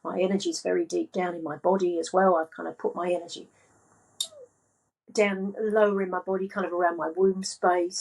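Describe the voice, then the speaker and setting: Calm, slow-speaking woman with a breathy voice. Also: on the low side, poor audio. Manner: slow, calm and grounded delivery. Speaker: spiritual business and money coach, guest. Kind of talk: casual podcast chat.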